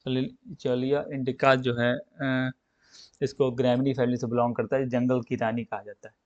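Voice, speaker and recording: A man's voice: medium pitch, flat delivery, unhurried, a little mellow, no echo. A man teaching an agriculture exam lesson who stumbles and restarts on long scientific plant names, repeats the key terms and keeps checking in with his students. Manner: checks in with "theek hai na" after each point. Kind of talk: exam coaching lecture. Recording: dull, muffled lo-fi sound.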